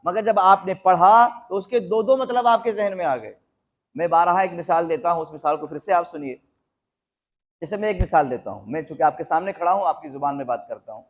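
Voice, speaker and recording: Before a seated crowd, an Islamic preacher with a high voice gives a live sermon, putting questions to the listeners and repeating phrases to stress them. When he quotes something, he slows to spell it out.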